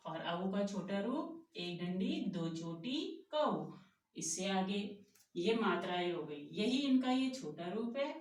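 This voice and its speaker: A woman's voice: mid-range voice, darkish tone, roomy sound, far from the mic. A woman teaching young children a grammar lesson, patiently asking questions and answering them herself. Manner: slow, patient, asks and answers her own questions. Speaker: primary school teacher.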